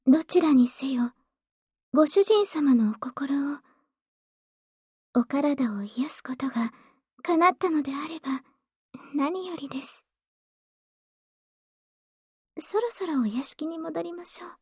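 A woman playing a gentle, devoted maid who soothes her master with formal politeness in a soft, breathy ASMR role-play. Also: high voice, no room sound, clean studio sound. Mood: gentle, reassuring.

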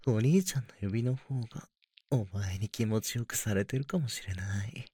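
A man voicing a doting, teasing older brother in a whispered role-play, speaking in a low, intimate murmur. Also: measured pace, darkish tone, no echo, clean studio sound. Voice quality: breathy. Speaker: voice actor.

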